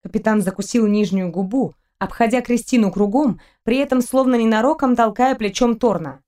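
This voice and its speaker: A woman reading a science fiction novel aloud in an even storytelling manner. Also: fairly high pitch, fairly quick. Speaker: audiobook narrator. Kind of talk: scripted narration.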